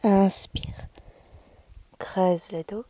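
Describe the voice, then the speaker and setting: Woman, soothing yoga teacher, very unhurried, mellow soft tone, breathy near-whisper, gentle guided instruction. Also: medium pitch, fairly even intonation. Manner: soothing, slow, gentle guidance.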